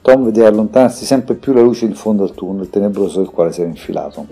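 Man, audiobook narration, low voice, warm tone, steady measured reading, faint music behind. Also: vocal fry, husky. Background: faint background music.

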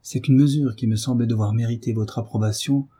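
A man voicing a gentle, patient young wife who speaks softly and pleadingly, in his own reading voice. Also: medium pitch, steady tone, fairly quick, slightly rough, lightly acted. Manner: soft, pleading.

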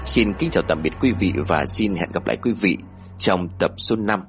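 A man narrating a ghost story in an expressive, formal reading style. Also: low-pitched, normal speed, soft background music.

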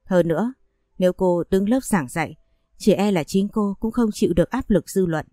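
A woman voicing a school official who delivers bad news in a formal, measured way. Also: mid-range voice, dark tone, no room sound, studio quality, faint music behind, close to an everyday voice.

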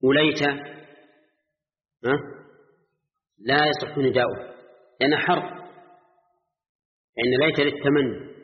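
A man's voice: medium pitch, steady tone, a little slow, long pauses. A male scholar giving a classroom lesson on Quranic grammar. He explains step by step, checks with short questions to his students and chants the verses he quotes. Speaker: Islamic scholar teaching Quran exegesis. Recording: dull lo-fi recording in a reverberant hall.

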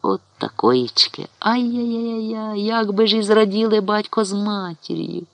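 A man voicing an older, warm-hearted village carpenter who talks in a folksy, exclamatory way, in a storybook reading. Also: high-pitched, very animated, voice pushed up, exaggerated voice. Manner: exclamatory, folksy, drawn-out sighs.

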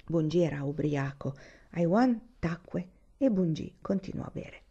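A woman reading a novel aloud in calm, measured narration. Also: low-pitched, husky. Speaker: reader. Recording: slightly dull, lo-fi recording.

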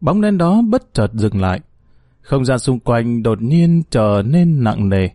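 A man's voice: mid-range voice, sing-song, slow, warm tone, no echo. A man narrating a horror story in a dramatic, suspenseful way.

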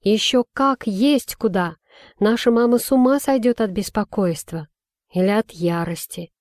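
Woman reader doing a feisty young girl, sharp and commanding, snappy orders, dry close sound, storybook audiobook. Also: mid-range voice, unhurried, no echo, natural voice.

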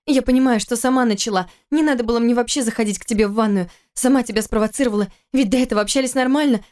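A young wife, hurt but firm, her voice lifted higher by a woman reading her. She pleads and protests with feeling in an audiobook style. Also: very fast, a little mellow, close to an everyday voice. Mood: earnest.

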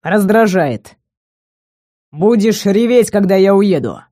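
A woman's voice: mid-range voice, expressive, slow pace, warm tone, no echo, clean studio sound. Woman doing a curt werewolf kidnapper. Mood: curt, cold. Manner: curt, clipped commands. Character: gruff male werewolf kidnapper, curt and cold.

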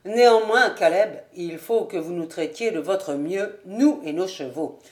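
A grave, terse young lord, as a woman reader puts him on, speaking low and curt. The delivery is slow and measured, like a storybook reading. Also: lightly acted.

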